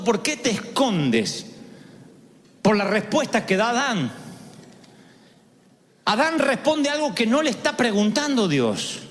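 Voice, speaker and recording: A man's voice: very high voice, a bit bright, long reverb tail. A middle-aged man with an Argentine Spanish accent preaching a sermon, dramatic storytelling that acts out voices. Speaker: pastor.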